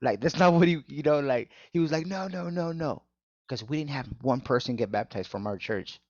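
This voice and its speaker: A man in casual podcast chat, telling animated stories about his old church and saying "bro" a lot. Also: medium pitch, brisk, no room sound, muffled recording. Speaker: former church member, co-host.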